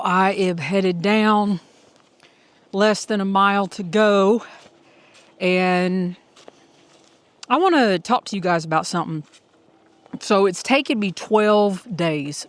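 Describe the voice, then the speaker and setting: A woman's voice: medium pitch, takes it slowly, long pauses, no room sound. A middle-aged woman, vlogging on a hiking trail, heartfelt and thinking aloud, sometimes out of breath. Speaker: hiker vlogging as she walks. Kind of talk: casual audio vlog.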